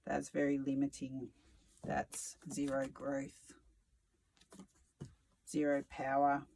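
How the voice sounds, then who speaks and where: A tarot reader, alone, works through a reading slowly and without hurry, musing and reflective, dropping dry sarcasm and casual swearing. Her middling-pitched voice is monotone with vocal fry and a darkish tone. The low-quality recording carries a little hiss or hum.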